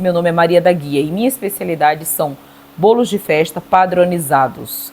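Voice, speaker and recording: A woman's voice: on the low side, darkish tone, a little hiss or hum. A middle-aged Brazilian woman giving a casual cake decorating tutorial, chatty, checking in with her viewers with little tag questions.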